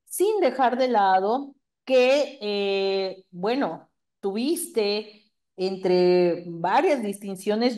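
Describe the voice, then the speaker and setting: Mellow woman hosting an interview. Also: mid-range voice. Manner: courteous, hesitant with many fillers. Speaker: interviewer host.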